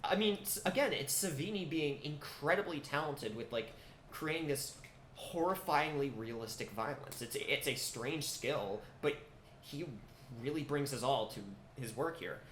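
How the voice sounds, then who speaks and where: A man with a slightly high voice talks excitedly in a casual podcast chat, piling up fillers as he goes. The room around him is echoey, with a faint hiss underneath. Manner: enthusiastic, quick, many fillers. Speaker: podcast co-host. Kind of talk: casual film discussion.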